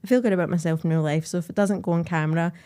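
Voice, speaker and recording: A woman's voice: on the low side, fairly even intonation, rapid-fire, dark tone. A young adult Scottish woman hosting a podcast in a candid, chatty way, full of "like" fillers. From Scotland. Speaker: podcast host. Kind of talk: casual chat.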